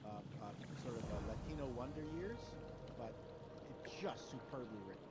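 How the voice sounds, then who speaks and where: A man's voice: medium pitch, lively intonation. A man talking casually as a guest comedian, often repeating his words as he talks. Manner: halting, repeats words while recommending. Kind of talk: casual chat. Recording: loud background noise.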